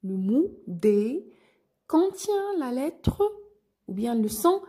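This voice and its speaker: Slow, husky woman teaching phonics. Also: fairly high pitch, sing-song, mellow. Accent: North African French. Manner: slow, clearly spelling out syllables. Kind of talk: slow phonics lesson for children.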